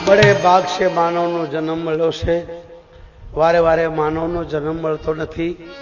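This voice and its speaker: A man's voice: fairly high pitch, level tone, measured pace, loud music behind the voice. A man preaching a devotional sermon at a temple gathering, telling stories and calling out fervently to his listeners. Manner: fervent, pleading, calls out to the audience. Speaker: preacher leading a scripture recitation. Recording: dull lo-fi sermon recording.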